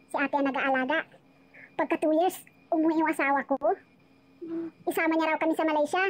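A woman's voice: high-pitched, steady tone, a little fast. A woman casually telling her life story on a live chat, rambling and emotional, often restarting her sentences.

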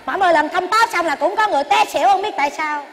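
A comic stage performer playing a stubborn old wife who bickers with her husband in quick, teasing retorts. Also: very high-pitched, noisy background. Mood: bickering. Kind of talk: stage comedy sketch.

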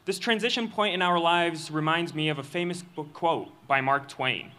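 A young man giving a student speech at a graduation ceremony, reading a prepared text into a podium microphone in an earnest, measured way. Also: fairly high pitch, pushed and bright. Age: young adult. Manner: earnest, measured delivery with occasional slips. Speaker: student commencement speaker. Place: outdoor stage of a graduation ceremony.

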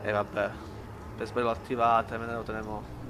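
A man giving lively commentary while playing a shooter game, shouting at enemies and muttering between fights. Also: on the low side, fairly quick, noisy background. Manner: excitable, yells at enemies, then mutters to himself. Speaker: gaming YouTuber.

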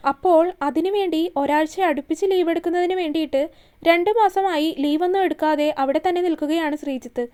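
A woman narrating a romantic serial story in a soft, steady storytelling manner. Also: high-pitched.

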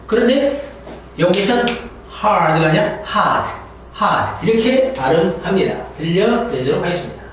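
A man teaching an English lesson, drilling pronunciation and having students repeat words slowly after him. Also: high-pitched, lively intonation, far from the mic. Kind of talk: classroom lecture with pronunciation drills. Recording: echoey room, voice from afar, faint hiss.

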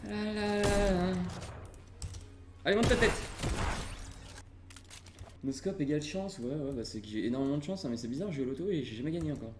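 Excitable French gaming streamer, echoey room. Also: male voice, medium pitch, quick pace, pauses often, music in the background. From Burgundy, France. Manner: playful, excitable, swears casually. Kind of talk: live gaming commentary.

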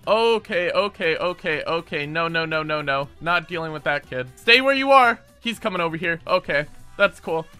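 A man giving excitable gameplay commentary as a gaming YouTuber, often yelling and laughing at the game. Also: on the high side, normal speed, clear, resonant tone, faint music behind.

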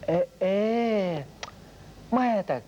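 An actor playing a fawning, scheming servant to a lord in a period radio drama, hesitant and obsequious. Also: male voice, slow pace, lo-fi sound, slight background noise, lightly acted. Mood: sly.

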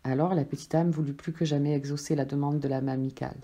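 A woman, a life coach, reading a spiritual story aloud in a slow, gentle, measured way. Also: deep voice, steady tone.

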